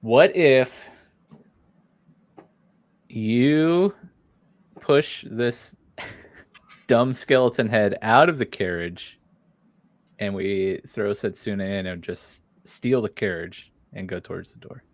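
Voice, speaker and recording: A man playing a tabletop game, talking slowly and musing aloud. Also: on the low side, no room sound. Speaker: player.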